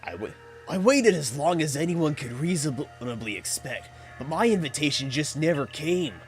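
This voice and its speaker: A man's voice: a little high, animated, normal speed, soft background music, natural voice. A man voicing an arrogant young male clan warden, in a drawling hippie-like voice full of haughty condescension. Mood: smug.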